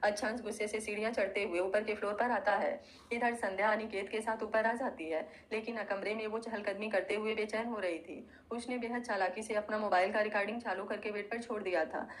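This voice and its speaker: A woman narrating an audio love story in a smooth, expressive reading. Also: medium pitch, fairly quick, poor audio.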